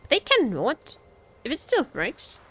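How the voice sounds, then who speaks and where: Talking slowly during a game livestream, this woman keeps things casual and expressive, repeating herself a lot. She sits high in pitch with big swings up and down, and her tone is slightly bright.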